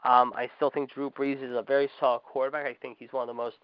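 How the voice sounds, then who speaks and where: A man's voice: mid-range voice, level tone, quick pace, clean tone, no echo. Opinionated man ranting on a lo-fi mic. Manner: many fillers and repeated "however", emphatic opinions. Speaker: podcast host. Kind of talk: opinionated sports commentary monologue. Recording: dull lo-fi dry recording.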